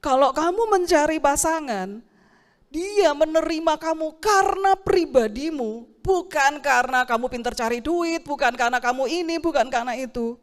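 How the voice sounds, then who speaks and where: A middle-aged woman pastor preaches in an animated storytelling way, acting out the people she talks about. Her voice sits high for a woman. A long church-hall reverb trails after her words, picked up by a handheld mic. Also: moderate pace. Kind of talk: sermon with acted anecdote.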